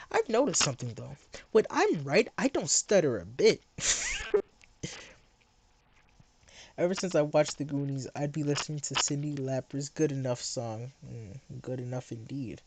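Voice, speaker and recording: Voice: mid-range voice, animated, normal speed, background noise. Sarcastic late-night streamer ranting. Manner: sarcastic, heated, mocking. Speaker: livestreamer. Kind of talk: late-night livestream rant.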